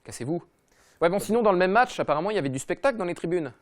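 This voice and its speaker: A man tears through a comic rant at breakneck speed. His voice sits a little high, and his delivery is mocking and slangy. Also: lively intonation, noisy background. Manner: mocking, slangy, rapid-fire. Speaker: comedy football podcast host.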